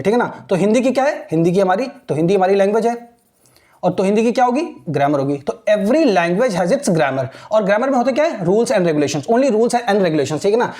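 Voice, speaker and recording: A man's voice: high-pitched, very animated, quick pace, mellow. A man teaching a grammar lesson, checking in with his students after nearly every line. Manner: mixes Hindi and English, keeps asking "ठीक है ना?". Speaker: English teacher. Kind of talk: classroom lesson.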